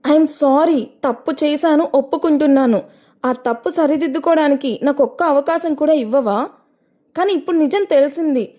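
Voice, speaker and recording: A woman's voice: sits high, moderate pace, mellow, pitched above the performer's own voice, lightly acted. A woman voicing an anguished young man who pleads and accuses in a raised voice. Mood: pleading, heated.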